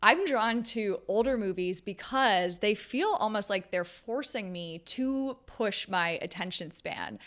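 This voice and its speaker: Woman doing a reflective vlog, medium pitch, chatty but thoughtful, pauses mid sentence. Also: fairly bright tone, clear, resonant tone. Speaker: video creator. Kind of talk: reflective talking-to-camera commentary.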